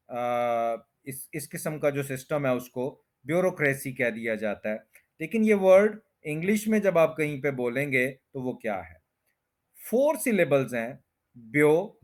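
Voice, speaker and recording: A man teaching English word stress in a slow explanatory lesson, repeating each word and stretching its syllables. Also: medium pitch. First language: Urdu or Hindi.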